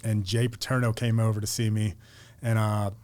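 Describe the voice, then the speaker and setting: A middle-aged man from Pennsylvania, United States, appears as a podcast guest, spinning long, casual stories full of restarts and repeated words. His voice is fairly low and darkish, level in tone, at a normal pace, in this storytelling interview.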